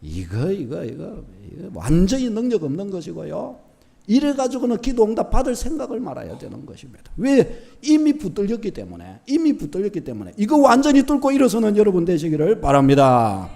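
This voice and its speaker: Animated pastor preaching. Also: male voice, high voice, a little fast, vocal fry. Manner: animated, shifts from soft to loud, acts out short dialogues. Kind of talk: sermon. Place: church sanctuary.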